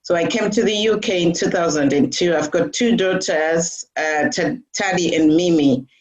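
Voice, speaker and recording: A middle-aged Zimbabwean woman, a guest in a casual interview, talks with lots of fillers and restarts. Her voice sits on the low side with a darkish tone and a moderate pace. The audio is dull and lo-fi.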